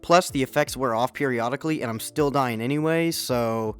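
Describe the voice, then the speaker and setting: Mopey, offhand bro vampire, as a man puts him on: lower and softer than the narrator, slightly slowed, music faint behind. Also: smooth, lightly acted. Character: brooding male scientist vampire, casual bro talk.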